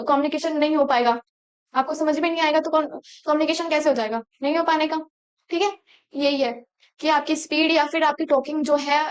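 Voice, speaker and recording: A young woman teaching a lecture, mixing in English terms and asking the class rhetorical questions. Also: sits high. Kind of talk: exam-prep lecture.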